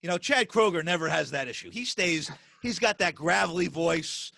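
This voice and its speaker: Guy hosting a podcast, fast and excitable, high pitched, lots of stumbles and restarts, bright edge to it. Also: gravelly, dry recording. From US Northeast. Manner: animated, talks fast, many restarts and repeated words. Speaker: podcast host. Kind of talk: casual interview chat.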